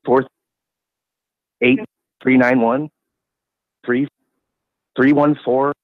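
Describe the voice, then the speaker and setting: A man's voice: mid-range voice, fairly even intonation, extremely slow, creaky, no echo. A man making a prank phone call, evasive and feigning confusion, his voice breaking up over a crackly phone line. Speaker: prank caller. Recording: tinny, dry phone line.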